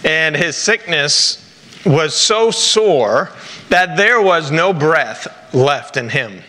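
Slow, bright-voiced Rhode Island pastor, a man. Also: a little high, lively intonation. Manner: halting, deliberate phrasing. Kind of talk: sermon with scripture reading. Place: large church sanctuary, at a pulpit. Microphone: lapel mic. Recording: echoey church hall with background noise.

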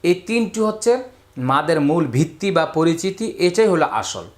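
A patient teacher, a man with a Bangladeshi Bengali accent, leads a recorded Quran reading lesson. He spells out each letter, then draws out the syllables in slow, repeated drills for his students. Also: a little high, lively intonation, a little mellow, roomy sound.

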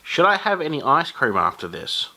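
Playful man with lively intonation. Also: a little high, moderate pace, creaky, slight background noise. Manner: playful, joking asides. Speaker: toy review co-host. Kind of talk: casual unboxing chat.

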